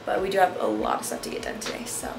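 A woman's voice: fairly low pitch, huge pitch swings, very fast, creaky, heavy background noise. A young American woman chatting casually to camera, sprinkling her sentences with "like". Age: young adult. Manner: chatty, uses "like" often. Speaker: vlogger, college student. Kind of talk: casual vlog chat. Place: indoor rooms at home. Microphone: camera at arm's length or close by.

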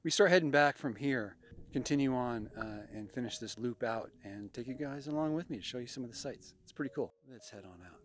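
A man's voice: medium pitch, fairly quick. A man filming himself on an outdoor boardwalk hike, chatting casually to viewers as he walks. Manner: relaxed, chatty, addresses viewers. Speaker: vlogger. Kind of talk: casual hiking narration. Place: outdoors on a desert boardwalk trail.

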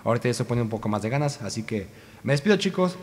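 A man's voice: medium pitch, lively intonation, racing, a little mellow, big-room sound. A young man with a Mexican Spanish accent, an amateur voice actor rambling in a casual, self-correcting vlog chat on a cheap home microphone.

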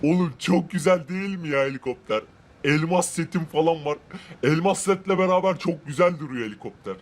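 A man playing an arrogant rich man in a Minecraft role-play, who boasts about his wealth, gloats, and shouts cruel threats. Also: fairly high pitch, fairly quick, lightly acted. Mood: smug gloating.

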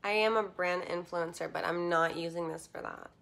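A young woman with vocal fry, chatting casually on a livestream and answering comments haltingly into a handheld phone. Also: lowish voice, steady tone, a bit bright. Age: young adult. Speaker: livestream host and model. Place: small bedroom, indoors. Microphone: phone at arm's length.

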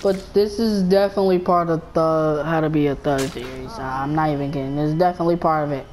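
A woman giving casual gameplay commentary, excitable and rambling, often stumbling and repeating her words. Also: low voice, fast, soft background music, rough recording.

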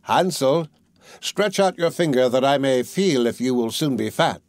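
A man's voice: mid-range voice, unhurried, no room sound, clean studio sound, natural voice. A man voicing a cruel, mocking old female witch in a storybook reading, raising his voice for her. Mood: commanding. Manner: mocking, gloating storybook villain voice.

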